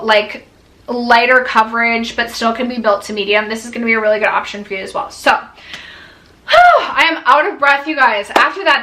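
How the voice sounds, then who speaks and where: A woman's voice: on the high side, bright, forceful tone. A young woman vlogger chatting casually through a product review, gushing, with lots of "like" fillers. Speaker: beauty vlogger.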